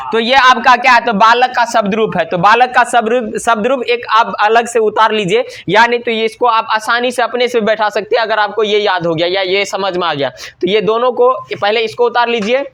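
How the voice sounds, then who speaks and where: A man teaching Sanskrit grammar in a class, quizzing his students with "what will it become?" and then giving the answer himself, slowing right down to draw out each word form. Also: sits high, sharp tone. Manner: drills by asking and answering his own questions; slows down and stretches words while reciting forms.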